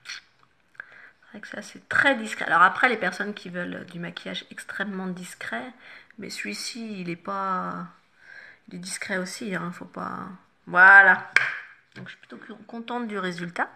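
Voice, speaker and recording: Woman makeup vlogger, chatty and loose, bright forward tone, lots of fillers and restarts. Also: medium pitch, unhurried, creaky. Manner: chatty, many fillers and self-corrections. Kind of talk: casual makeup tutorial chat. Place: home, no studio lighting.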